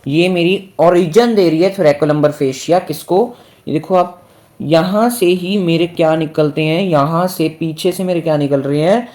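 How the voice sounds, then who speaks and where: A man's voice: on the high side, unhurried, a little mellow. A man from India teaching anatomy in a lecture that mixes Hindi and English, often asking the class questions and drawing out key terms.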